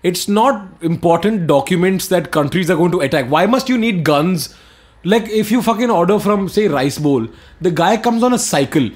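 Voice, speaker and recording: A man's voice: sits high, animated, moderate pace. A young man with an Indian English accent, co-hosting a comedy podcast, joking and swearing. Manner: profane, joking, laughs a lot. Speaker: podcast co-host. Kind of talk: casual comedic chat.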